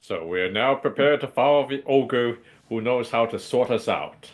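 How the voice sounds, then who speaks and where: A man's voice: mid-range voice, lively intonation, normal speed, natural voice. A man playing a hot-headed, cocky adventurer who blusters and threatens in a tabletop game. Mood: blustering threat. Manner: blustering, belligerent.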